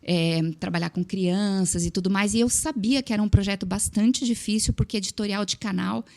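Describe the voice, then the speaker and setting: A woman with a Brazilian Portuguese accent, speaking as a guest on a casual podcast. Her voice sits at a mid pitch, and she tells her story in a lively, chatty way. She often adds small tag questions and filler words as she goes. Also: a little fast.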